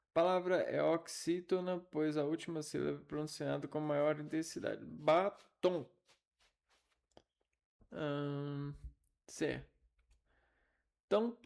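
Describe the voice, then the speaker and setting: Guy teaching a linguistics lesson, kinda high voice, stops and starts a lot, says syllables over and over. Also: darkish tone. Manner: halting, thinking aloud, repeating syllables.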